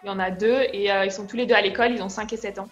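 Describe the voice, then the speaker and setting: A young woman from France answers interview questions in a relaxed, halting way, filling her pauses often. Her voice sits at a middle pitch, and faint music plays quietly behind her. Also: muffled recording. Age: young adult. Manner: relaxed, hesitant, many fillers. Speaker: guest, au pair. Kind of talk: casual interview.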